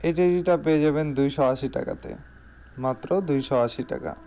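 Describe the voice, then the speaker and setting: Here a shop salesman with a Bangladeshi accent gives a casual product showcase as a voice-over, leaning on repeated key phrases. His voice is a little high, mellow and clean, moving fairly quickly.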